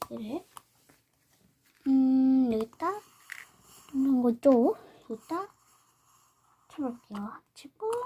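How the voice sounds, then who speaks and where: A woman's voice: sits high, gravelly, dark tone, slight background noise. A young girl hosting her channel, narrating a toy build step by step with cheerful ta-da calls. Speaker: channel host.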